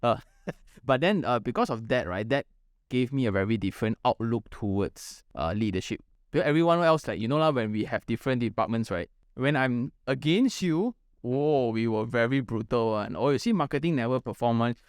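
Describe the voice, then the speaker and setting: A man's voice: medium pitch, expressive, moderate pace, clear, resonant tone, no room sound, studio quality. A man with a Malaysian accent hosts a casual podcast chat, talking in colloquial English full of local particles and slang. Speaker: podcast host.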